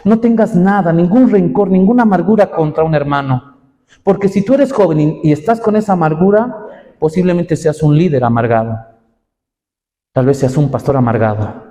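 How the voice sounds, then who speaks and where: A man preaches a sermon to the young, his delivery impassioned, with rises in pitch to drive each point home. His voice sits a little high yet sounds dark and mellow. A long church-hall reverb trails after his words. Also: moderate pace. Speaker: pastor.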